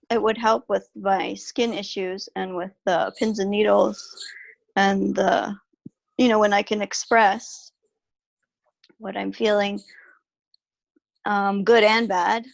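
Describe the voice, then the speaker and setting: A woman's voice: mid-range voice, fairly even intonation, slow pace, creaky, long pauses, no echo, lo-fi sound. A woman speaking as a therapy client in casual, reflective conversation, hesitant and thinking aloud.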